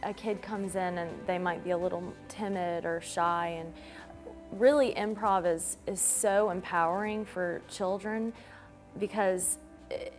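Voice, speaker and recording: A woman's voice: fairly low pitch, fairly even intonation, measured pace. A woman who teaches improv, talking in an interview about what children gain from it. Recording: faint music behind.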